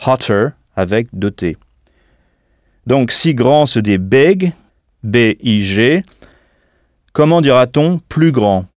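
Slow, patient male language teacher. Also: medium pitch, animated, a little mellow, no echo, clean studio sound. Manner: slow, spells out words letter by letter. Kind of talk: scripted audio lesson.

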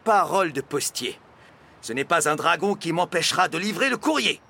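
A man's voice: fairly high pitch, animated, moderate pace, gravelly, a little hiss or hum, voice pushed up, full character voice. A man voicing a brash, determined adult male postman in a storybook reading. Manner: brash, shouting.

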